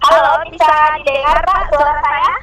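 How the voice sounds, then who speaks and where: Brief: polite woman moderator, high voice, heard over a choppy online call, distant and echoey, heavy rain noise behind. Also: steady tone, normal speed, over loud music. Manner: polite, apologetic. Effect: breaking-up online call audio. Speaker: session moderator.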